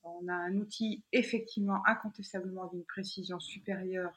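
A woman's voice: fairly low pitch, steady tone, moderate pace, a bit bright. A middle-aged woman, a dentist, explaining technical points emphatically in a podcast conversation.

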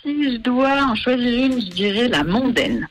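A woman from Marseille, France, appears as a guest on a radio show to discuss her project, hesitating often and using many fillers. Her fairly high voice is expressive and measured in pace, and the recording is rough.

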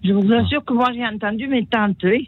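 A woman's voice: a little high, a little fast. An elderly woman, telling personal stories in a rambling, exclamatory, joyful way as a phone-in caller. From France. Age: elderly, great-grandmother. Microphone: telephone. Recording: dull band-limited phone call on radio.

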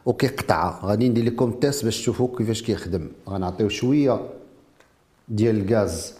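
In an interview, a man presents his own invention, demonstrating and explaining it while mixing in French technical terms. He speaks fast in a low, mellow voice marked by a Moroccan Arabic accent.

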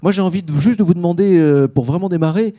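A man's voice: sits high, fast, warm tone. A man hosting a live talk show, welcoming a guest with effusive, flowery compliments. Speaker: host. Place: studio with live audience.

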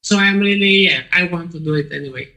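Man, from Poland, podcast guest, hesitant, many fillers, high pitch, sharp bright tone. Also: quick pace, creaky, low-quality recording. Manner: hesitant, frequent restarts and fillers. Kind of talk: conversational interview answers.

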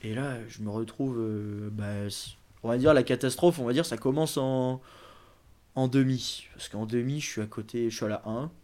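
Here a young man of nineteen from France, a junior BMX racer appearing as a guest, wanders through his story in a casual interview full of fillers and false starts. He speaks at a moderate pace in a mid-range voice with a dark tone.

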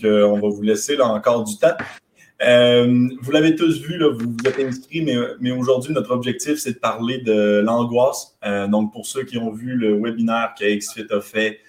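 A man's voice: mid-range voice, a little mellow, reverberant. A man from Quebec with a light Québécois accent, hosting a live webinar in a casual, hesitant way with many fillers. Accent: light Québécois French. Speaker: webinar host.

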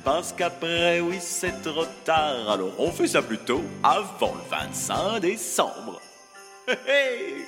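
A man's voice: a little high, big pitch swings, takes it slowly, hardly any pauses. A man singing a playful, sing-song show jingle. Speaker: jingle singer. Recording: reverberant with music behind.

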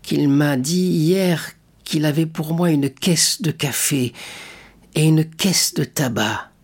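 A man's voice: fairly high pitch, slow pace, breathy edge, voice pushed up, exaggerated voice. A man reading the part of a frail, grieving old father who speaks in a quavering, pleading way. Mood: anxious.

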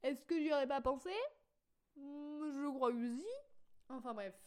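Chatty young woman with a higher voice. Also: unhurried. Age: young adult. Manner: chatty, animated and self-mocking, with sarcastic asides. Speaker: podcast host. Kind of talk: casual spontaneous podcast chat.

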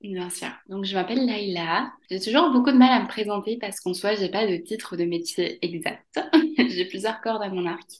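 A woman's voice: mid-range voice, normal speed, reverberant. A woman from Mexico, a podcast guest talking casually, hesitating with many fillers and laughing often. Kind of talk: casual interview.

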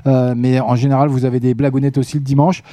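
A man hosting a live evening radio show, chatty and joking with listeners, his voice going hoarse. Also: mid-range voice, flat delivery, fast, mellow, no room sound. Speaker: radio host. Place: radio studio.

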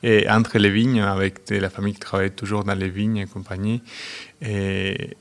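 A middle-aged man, a guest on a radio interview, who talks haltingly with many restarts and fillers. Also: on the low side, level tone. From Argentina. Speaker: guest, company director.

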